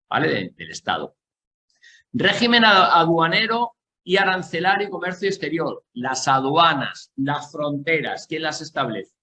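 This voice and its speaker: Spanish guy from la mancha teaching exam prep, kinda high voice, keeps checking everyone's following. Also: pushed and bright. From Castilla-La Mancha, Spain. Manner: explanatory, keeps checking in with the class, slows to stress key points.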